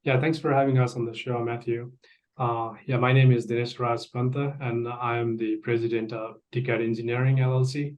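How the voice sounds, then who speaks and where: A man's voice: mid-range voice, level tone, normal speed, a little mellow. A man from Nepal, president of an engineering firm, giving earnest, formally phrased answers on a video call. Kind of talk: prepared interview answers. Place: home office, indoors. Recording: dull lo-fi call audio.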